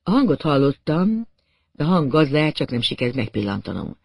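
Casting: man, first-person storyteller, animated pitch, dry close sound, audiobook. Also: creaky, no room sound. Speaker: audiobook narrator.

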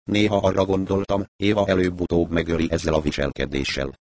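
A man's voice: low voice, little pitch movement, a little mellow, dry recording, close to an everyday voice. A man voicing a tense, defensive wife who gives clipped replies in an audiobook. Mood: bitter. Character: wounded, defensive middle-aged wife.

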